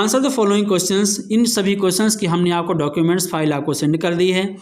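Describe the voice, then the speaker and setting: A man teaching a revision lesson, spelling words out letter by letter and answering his own questions as he explains. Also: high voice.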